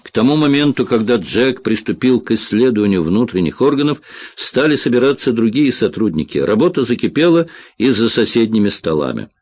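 A man narrating a thriller audiobook in an expressive, measured way. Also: mid-range voice, no room sound.

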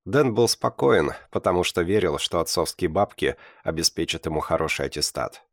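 Very deep-voiced male audiobook narrator. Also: lively intonation, normal speed, dry recording, clean studio sound. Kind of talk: first-person audiobook narration.

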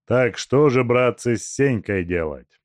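A man reading an audiobook, voicing a brutal, mocking male robber chief in a loud, gruff, taunting voice. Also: mid-range voice, expressive, unhurried, dry recording, studio quality, pitched above the performer's own voice, close to an everyday voice. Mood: gruff, brooding. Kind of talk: audiobook character voice.

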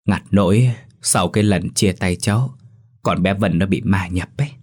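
A man voicing a gentle elderly grandmother, a grieving widow, who speaks softly and tenderly in an audio story. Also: low voice, moderate pace.

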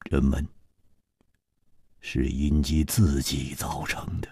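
A man narrating a martial arts novel as a storyteller, dramatic and sometimes sinking to a hush. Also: deep voice, slightly rough, no echo, studio quality. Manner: dramatic, sinking to hushed tones.

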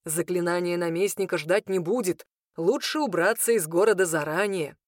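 A woman voicing a calm, prudent male dragon man in an audiobook, speaking in measured tones. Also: lowish voice, dry recording, studio quality, voice pushed down, lightly acted.

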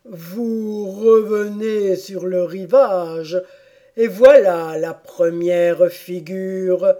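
A woman reading an audiobook voices a weepy, sentimental sea-turtle creature with a drawn-out, plaintive delivery. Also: lowish voice, dark tone. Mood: doleful.

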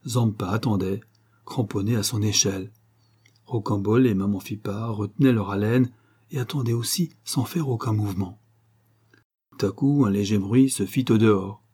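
A man narrates a classic novel as an audiobook in a steady, measured read. His voice is dark and mellow, with a husky grain. He sits at a middle pitch. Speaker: audiobook reader.

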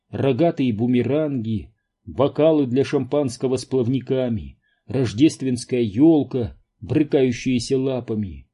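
A man reading an audiobook aloud in a lively, expressive narration. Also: medium pitch, slightly rough.

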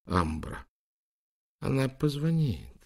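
A man voicing a caring young prince in an audiobook, speaking quietly and tenderly. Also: mid-range voice, very animated, slow, voice pushed up. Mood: wistful.

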